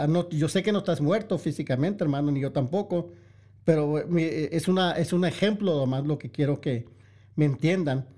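Mellow-voiced pastor. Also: male voice, fairly high pitch. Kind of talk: sermon.

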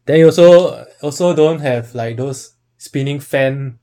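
Man explaining haltingly in Malaysian-Singaporean slang English. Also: mid-range voice, dark tone. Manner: hesitant explaining in colloquial slang English with lah and lor. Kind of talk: casual chat.

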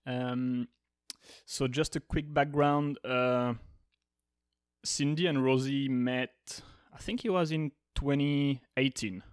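A man's voice: medium pitch, fairly even intonation, slow pace, smooth, no room sound, clean studio sound. A man co-hosting a podcast, asking questions in a casual, hesitant way with many fillers. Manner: hesitant, many ums and uhs. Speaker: podcast co-host. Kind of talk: casual interview conversation.

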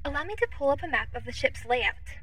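Audio drama: too-smooth female android assistant played by a woman, high, bright and crisp, polite, literal and quietly curious. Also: fast talker. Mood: formal, informative. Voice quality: too smooth, even, formal android-like phrasing. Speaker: ship's AI assistant.

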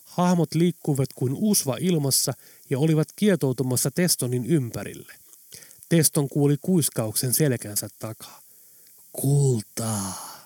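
Man, audiobook narrator, steady even reading, mid pitch, close dry studio mic. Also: no echo. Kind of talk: scripted narration.

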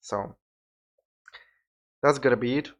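In a dull lo-fi recording, a weary Russian-accented man runs his solo podcast in a meandering, informal style with some swearing. He talks slowly at a medium pitch.

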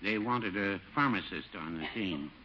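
An actor playing a meek, henpecked middle-aged pharmacist with dry, mild understatement in a 1950s radio sitcom. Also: male voice, sits low, lively intonation, unhurried, lo-fi sound. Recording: very noisy old radio broadcast recording.

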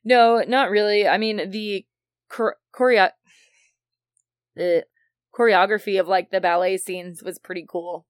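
A woman's voice: medium pitch, fairly even intonation, unhurried, long pauses, no echo, clean studio sound. A woman co-hosting a casual podcast chat about a film, rambling and trailing off as she thinks aloud. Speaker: podcast co-host.

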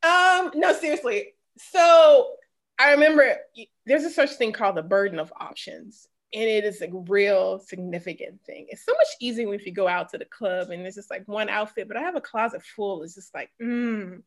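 At a fairly quick clip with few pauses, a woman of medium pitch recounts her personal stories in a relaxed interview. She's a former sprinter from Mississippi with a Southern Mississippi accent, and she drops in emphatic asides.

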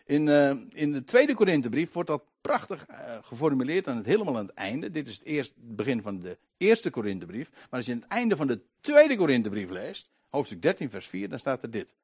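A man preaching a sermon, emphatic, slowing down to stretch key words and swinging between loud peaks and quiet asides. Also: mid-range voice, big pitch swings, breathy edge, no room sound, clean studio sound.

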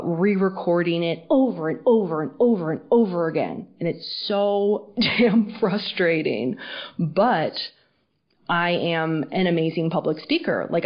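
A woman hosts a casual solo podcast in a fairly low voice. The audio is dull and muffled, so she sounds underwater. She speaks frankly and informally, with plenty of swearing. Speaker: podcast host.

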